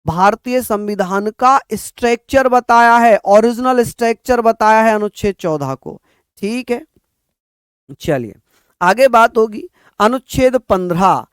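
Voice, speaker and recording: A man from northern India teaching an exam-prep lecture, repeating points slowly for students to write down. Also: high voice, lively intonation, clean tone, no echo, clean studio sound. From Uttar Pradesh, India. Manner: addresses students as bhaiya, repeats points for dictation.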